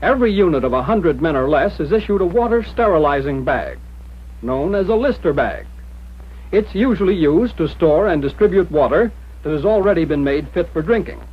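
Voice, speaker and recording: A husky, somewhat high-pitched American man narrates a 1940s military training film from a script, speaking at a moderate pace with a sing-song lilt. His manner stays plain, direct and instructive, and the old soundtrack sounds muffled and dull.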